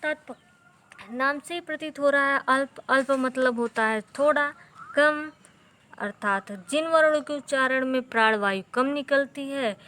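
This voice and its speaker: A woman teaching a grammar lesson for exam students. Her voice sits a little high, and she goes very slowly. She repeats each key term patiently and drills the letters aloud one by one. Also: sharp tone.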